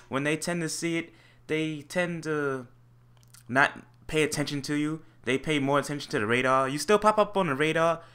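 A man's voice: mid-range voice, bright, forceful tone, slight background noise. A young man giving casual, joking commentary over a video game review, talking into a desktop mic. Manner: chatty, joking, easygoing. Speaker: gaming commentator. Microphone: USB desktop mic.

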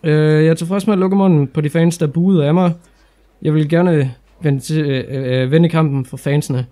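Excitable young Danish man gaming. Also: a little high. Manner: excitable, shouts at big moments, swears casually. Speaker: gaming YouTuber. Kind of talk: excited let's-play commentary.

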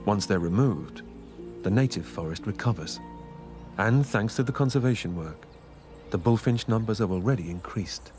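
Male nature documentary narrator, lowish voice, measured and informative, over a music bed. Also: expressive.

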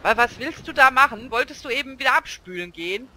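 A woman's voice: sits high, expressive, quick pace, sharp tone, a little hiss or hum. A woman hosting a let's play, commenting on her game through a headset and chatting to the characters, urging and grumbling at them. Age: adult with a child.

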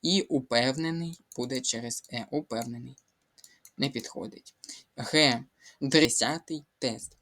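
A man's voice: mid-range voice, a little slow, a bit bright. A man tutoring for an exam, walking through test answers methodically and repeating key words and rules. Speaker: Ukrainian language tutor. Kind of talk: exam walkthrough lesson.

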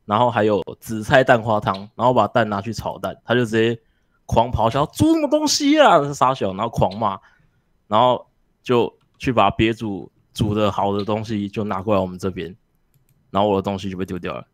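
A man's voice: lowish voice, fairly even intonation, fairly quick, dry recording. A man telling a story in a casual group chat, swearing casually as he goes.

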